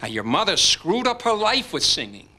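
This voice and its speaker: A man's voice: sits high, huge pitch swings, moderate pace, bright, forceful tone, exaggerated voice. An actor playing a domineering, scornful rich father who lectures his grown daughter. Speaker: overbearing father.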